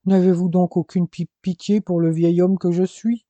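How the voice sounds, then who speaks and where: A man's voice: sits high, flat delivery, normal speed, mellow, no echo, dull audio, close to an everyday voice. A man voicing a jovial elderly grandfather in an audiobook, joking with his grandchildren. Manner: playful, mock-complaining. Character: jovial elderly grandfather who loves fishing.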